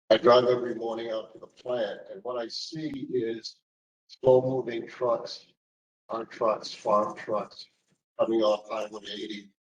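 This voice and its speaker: A man with a Boston accent speaks at a public meeting, picked up from a distance in an echoey room. His voice sits a little low, and he lays out his comments in a plain, matter-of-fact way. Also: highs cut off.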